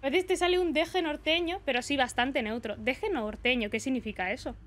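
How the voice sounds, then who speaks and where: A young Spanish woman streams live gameplay, chatting casually in a Spanish accent. Her high, brisk, slightly bright voice breaks into shrieks and swearing whenever something startles her.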